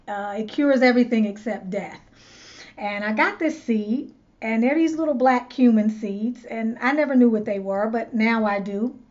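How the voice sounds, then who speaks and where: A loc stylist who hosts her own channel tells a personal story to camera, chatty and earnest, repeating words while she searches for them. Her voice is fairly high with a darkish tone, and the sound is lo-fi.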